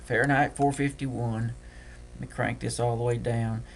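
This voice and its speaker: A man with a Deep South accent, talking fast and folksy through a screen-recorded trading software tutorial. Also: flat delivery, vocal fry, slight background noise. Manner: folksy, talks fast while clicking.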